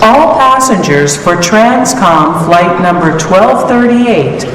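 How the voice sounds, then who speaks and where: Woman on a loudspeaker making a boarding call, unhurried, from far off in a big echoing hall. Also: mid-range voice, lively intonation, slight background noise. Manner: slow, measured announcing. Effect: over a public address system. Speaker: airport gate announcer. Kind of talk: scripted public announcement. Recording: echoey hall heard from far off.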